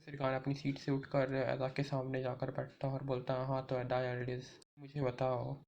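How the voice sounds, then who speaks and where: Man recapping a drama in a flat monotone. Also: medium pitch, moderate pace, gravelly, muffled recording. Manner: retells the scenes in sequence, reading each character's lines himself. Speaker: episode recap narrator. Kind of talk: recap narration of a drama episode.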